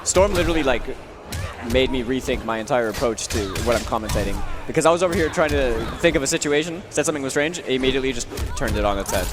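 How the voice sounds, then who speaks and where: A man commentates live on a fighting game at a very brisk pace. His voice is mid-pitched, and loud music runs behind him in the venue. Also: animated. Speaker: esports commentator. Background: music and event venue sound.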